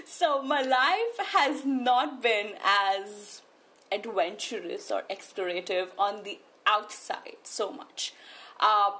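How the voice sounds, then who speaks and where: In a conversational interview, a woman with an urban New Delhi accent, a spiritual coach from India, looks back on her life, speaking slowly in a mid-range voice with a sharp tone. She is earnest and emphatic, repeating words to stress them. A little hiss or hum runs under the recording.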